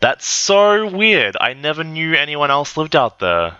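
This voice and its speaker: A man's voice: fairly high pitch, big pitch swings, unhurried, bright, forceful tone, clear, resonant tone, dry recording, lo-fi sound, pitched above the performer's own voice, exaggerated voice. A man voicing an overexcited, melodramatic emo teenage girl who gushes about her favorite bands. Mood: gushing.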